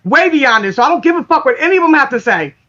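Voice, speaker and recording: A woman's voice: high voice, big pitch swings, quick pace, bright, forceful tone, lo-fi sound. A woman calling into a livestream, apologizing in a pleading voice and repeating herself. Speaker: guest calling in.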